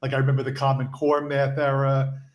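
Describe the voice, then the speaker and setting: A man co-hosting a podcast, asking long, rambling questions in a relaxed, casual way. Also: mid-range voice, fairly quick. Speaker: co-host. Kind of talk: casual interview chat.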